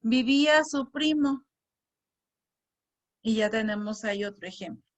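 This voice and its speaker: A woman's voice: fairly high pitch, unhurried. A woman teacher patiently explaining a lesson, often repeating words and reading example sentences aloud with exaggerated intonation. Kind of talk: slow explanatory lesson on punctuation.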